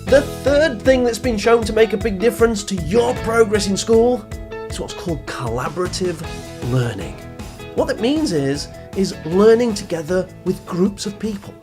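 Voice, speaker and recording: His voice sits high and is a little mellow. This podcast host and teen coach delivers a motivational educational monologue, talking straight to young listeners with emphatic encouragement and instruction.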